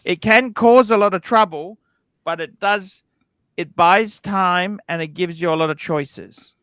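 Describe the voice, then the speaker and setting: A livestream host chats casually about what he would rather own, speaking bluntly, swearing freely and repeatedly checking in with "okay?". His voice sits high, smooth and resonant with a fairly bright tone and a measured pace. It's recorded close, with no room sound or echo.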